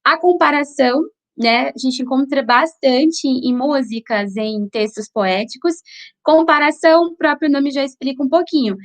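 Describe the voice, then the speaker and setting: A woman with a high, light voice and a Brazilian Portuguese accent teaches an online review class. She explains things patiently, often checking in with her students. She sometimes slows right down to sound out syllables one by one.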